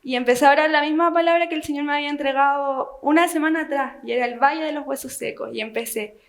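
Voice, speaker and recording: A young woman recounts a personal testimony to her church group, earnest and halting, often reaching for words. Her voice sits high. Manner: earnest storytelling with many fillers. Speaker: church member giving testimony.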